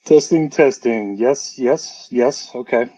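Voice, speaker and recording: A man of middle pitch rambles through a live stream, trailing off into fillers and correcting himself as he goes. His voice comes through a headphone mic, so it sounds hollow, dull and muffled, as if he were talking through a tube. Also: slow, warm tone. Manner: rambling, chatty, with many fillers and self-corrections. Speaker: streamer showing a die-cast model car collection. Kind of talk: casual live-stream chat.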